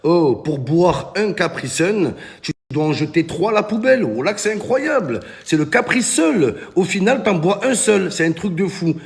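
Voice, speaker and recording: A male comedian, telling comic stories to camera in animated slang and hailing the guys. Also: sits high, moderate pace, gravelly, hardly any pauses. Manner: animated slangy storytelling, addresses viewers as "les gars".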